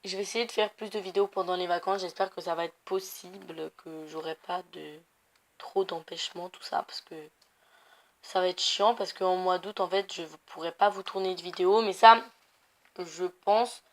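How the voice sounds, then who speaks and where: A woman's voice: on the low side, fairly even intonation, normal speed. A young woman of Portuguese family background chatting casually while playing a video game, rambling with many fillers and self-corrections. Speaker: gaming youtuber. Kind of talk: casual gameplay commentary.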